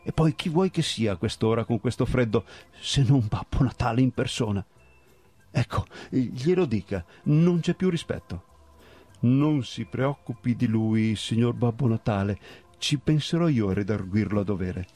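A man's voice: medium pitch, expressive, normal speed, warm tone, soft background music. A man doing an oily older customs officer. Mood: scheming. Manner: smooth, falsely affable, drawn out. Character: smiling, scheming older male customs officer.

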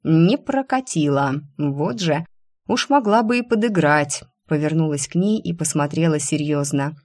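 A woman reading a first-person novel aloud in a wry, expressive way. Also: deep voice, measured pace. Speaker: audiobook narrator.

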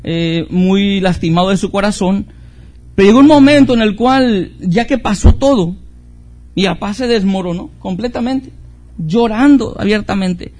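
A middle-aged male pastor delivers an earnest sermon in a high-pitched voice. He leans on rhetorical questions and repeats phrases for emphasis. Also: moderate pace, darkish tone. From Mexico.

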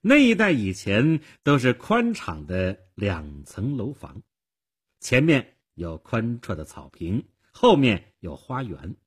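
Husky guy reading a radio story real slow, voice goes up and down a lot, lowish. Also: huge pitch swings.

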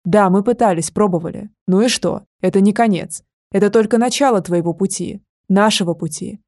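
A woman's voice: mid-range voice, fairly quick, dark tone, no room sound, studio quality, natural voice. A woman voicing a young male dragon who presses his point urgently and insistently. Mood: fierce.

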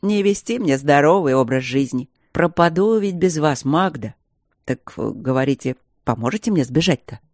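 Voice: mid-range voice, animated, darkish tone, dry recording, clean studio sound, close to an everyday voice. A narrator voicing a capricious, ironic young aristocrat patient in an audiobook. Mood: wheedling. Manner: slow, wheedling, ironic. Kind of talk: audiobook character reading.

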